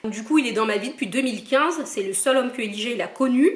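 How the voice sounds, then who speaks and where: This young woman from Cameroon speaks fast and animated, her voice on the high side, as she playfully teases viewers while answering their questions. It's a casual Q&A vlog recorded in an echoey room.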